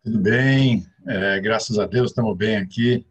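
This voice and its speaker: A middle-aged man from the interior of São Paulo state, Brazil, speaks with that region's Brazilian Portuguese accent in a lowish, slightly rough voice at a somewhat slow pace. He's a guest financial advisor walking through things step by step, using lots of filler sounds, and the audio is lo-fi.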